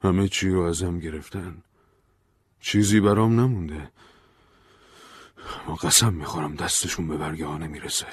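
A man's voice: sits low, pauses often, slightly rough. A man voicing a paranoid young man who urgently and secretively begs a friend to keep his papers safe. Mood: urgent worried.

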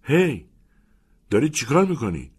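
Brief: man doing a defiant teen boy, pitched up, husky, storybook outbursts. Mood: indignant. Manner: raised, excited outbursts. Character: eager defiant teenage boy.

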